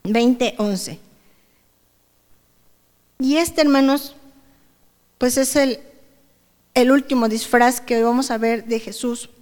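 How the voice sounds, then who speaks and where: A Mexican woman preaches to her congregation in a relaxed, conversational way. She keeps asking them questions as she goes. Her voice sits high, and a long reverb trails behind her words. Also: slow, long pauses. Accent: Mexican Spanish. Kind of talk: sermon. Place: church service hall. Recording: reverberant church hall.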